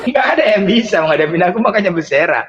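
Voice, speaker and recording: High-voiced man telling a story, lo-fi. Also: quick pace, a loud crowd, heavy background noise. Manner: animated, colloquial, chuckles often. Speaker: preacher. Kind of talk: casual storytelling talk.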